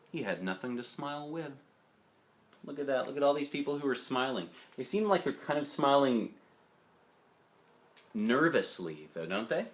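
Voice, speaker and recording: With a fairly bright tone and medium pitch, a dad narrates a children's storybook out loud, full of expression. Between passages he drops in casual, chatty comments aimed at the little ones listening.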